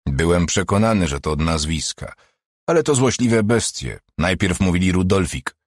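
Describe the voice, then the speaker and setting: A man voicing a wry, self-mocking male police detective in an audiobook, close to his own deep, husky voice. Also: big pitch swings, moderate pace, no echo. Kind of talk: audiobook character voice.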